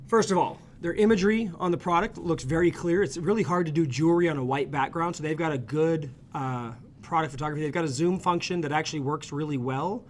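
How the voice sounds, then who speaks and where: Energetic man teaching with frequent "okay?". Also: a little high, fast talker, few pauses, slight background noise. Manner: energetic, often asks "okay?" and "right?". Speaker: ecommerce conversion consultant. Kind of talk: screen-share tutorial.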